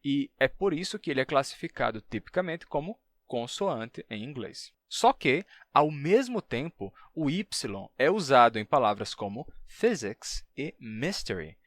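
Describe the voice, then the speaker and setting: A man of middle pitch teaching phonetics in a video lesson. He explains patiently and pauses to sound out example syllables slowly. The recording is close and dry. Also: big pitch swings, dry recording. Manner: demonstrates sounds by repeating them slowly. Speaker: linguistics educator.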